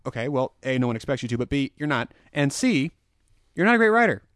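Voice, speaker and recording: A man's voice: medium pitch, big pitch swings, fast talker, a bit bright, no room sound. A man in casual podcast chat about films, blunt and opinionated with dry humor. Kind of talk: casual chat, film criticism.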